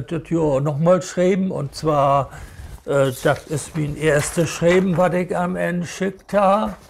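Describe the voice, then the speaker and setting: A man with a Hamburg Low German accent gives a casual, rambling monologue, sounding indignant and slipping Low German words into his German. His voice sits a little high, with a gravelly, fry-laden edge and a mellow, dark tone. He talks slowly and unhurriedly. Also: slight background noise. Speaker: vlogger.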